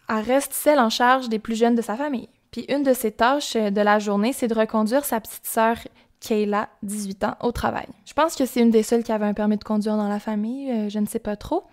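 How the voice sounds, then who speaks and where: Young québécois woman, slightly high voice, chatty crime storytelling, lots of little asides. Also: a little fast. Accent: Québécois French. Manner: chatty, informal, with fillers and asides. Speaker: podcast host and storyteller. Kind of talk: casual true-crime storytelling.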